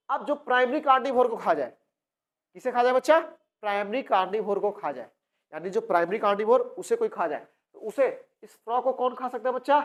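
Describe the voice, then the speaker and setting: A male biology teacher from India, speaking. He lectures a coaching class, asks questions, answers them himself and repeats key terms. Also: high-pitched. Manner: addresses students as "बच्चा".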